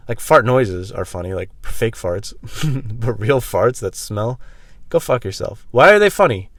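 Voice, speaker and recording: Man, lowish voice, dry sound; casual profane storyteller at a laundromat, blunt, slipping into acted-out dialogue. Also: animated, unhurried, dry recording. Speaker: vlog host telling personal stories. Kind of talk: casual rambling comedic monologue.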